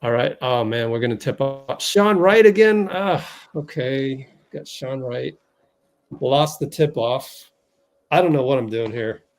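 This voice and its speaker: Flustered livestream host doing play-by-play. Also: male voice, mid-range voice, measured pace. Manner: flustered, rambling, many fillers, talks to himself while fixing tech.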